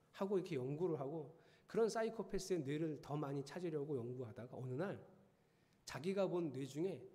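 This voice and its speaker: A man's voice: on the high side, darkish tone. A middle-aged male pastor giving a chatty sermon. He often asks the congregation questions. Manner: conversational, teasing the congregation with questions. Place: church sanctuary. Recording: reverberant church hall.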